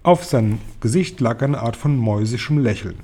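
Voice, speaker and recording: Husky male storybook narrator. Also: medium pitch, normal speed. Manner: steady storytelling. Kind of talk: audiobook reading.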